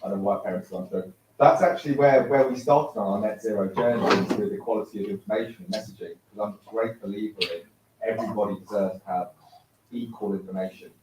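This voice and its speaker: A man's voice: fairly low pitch, quick pace. A man giving a casual, chatty talk at an event, joking and using fillers. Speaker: event speaker. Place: university studio hall. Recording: echoey hall from far off, noisy.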